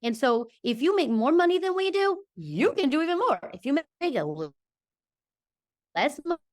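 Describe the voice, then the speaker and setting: On a video call as a podcast guest, a woman from the US state of Georgia chats casually in a high voice at a moderate pace. She's emphatic and animated, regularly tossing in "okay?" to make sure her listener is following.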